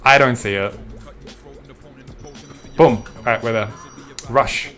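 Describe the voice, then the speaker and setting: A man's voice: mid-range voice, slow, sharp tone, soft background music. A young Australian man streaming a game, chatting casually and swearing now and then as he answers chat.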